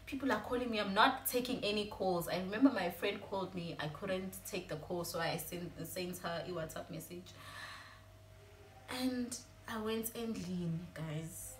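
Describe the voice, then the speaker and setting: A woman's voice: medium pitch, normal speed. A young woman with a South African Zulu accent, telling a personal story in a confiding, emotional way as a vlogger. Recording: echoey room with faint ambient noise.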